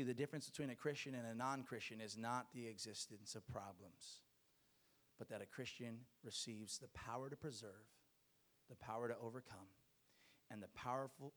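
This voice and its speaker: A man's voice: mid-range voice, normal speed, fairly bright tone. A man preaching a sermon to a congregation, exhorting them emphatically with rhetorical questions and repeated phrases.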